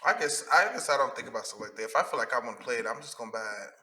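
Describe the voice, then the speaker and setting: A man's voice: medium pitch, expressive, very fast, pushed and bright, distant mic. A man co-hosting a podcast, laid-back and teasing in casual chat. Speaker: podcast co-host.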